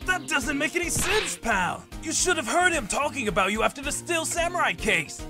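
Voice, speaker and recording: A man voicing a gruff, hot-headed but loyal police detective with a blustering, slangy delivery in an audio drama of a video game story. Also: very high voice, expressive, moderate pace, music in the background. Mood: puzzled, earnest. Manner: blustering, slangy, ends remarks with "pal".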